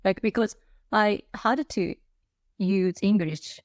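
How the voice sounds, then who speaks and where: Speaking slowly in a medium-pitched voice, a Japanese woman who is a native Japanese speaker chats as a guest on a podcast in Melbourne, Australia. She hesitates and restarts phrases, laughing lightly. The recording is studio quality with no room sound.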